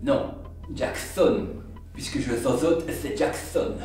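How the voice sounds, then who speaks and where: A man's voice: fairly high pitch, very animated, unhurried. A man playing a touchy, petty action-film villain in a comedy spy parody, with a slushy lisp that turns s into sh. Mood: exasperated. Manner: lisps, slushy sh for s. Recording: very echoey room, music behind.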